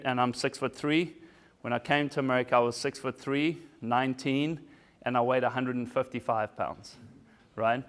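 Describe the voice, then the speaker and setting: A man in his forties from South Africa, German by first language, speaks as a keynote speaker to a business crowd. His motivational talk is casual and self-mocking, with frequent "right?" checks. His mid-range voice is clear and resonant.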